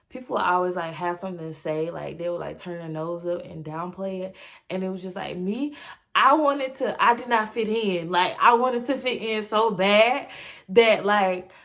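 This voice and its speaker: A woman's voice: mid-range voice, fairly bright tone. Candid young woman vlogging confessionally. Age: young adult. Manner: candid and rambling, with many fillers; casual and direct to viewers. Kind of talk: confessional personal vlog.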